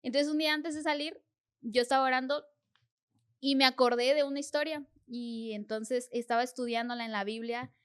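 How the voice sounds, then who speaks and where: Her voice fairly high, a bit bright and clean, a young woman recounts her faith testimony on a podcast at a moderate pace with fairly even intonation. Sincere and storytelling throughout, she earnestly reenacts her prayers as small dialogues with God.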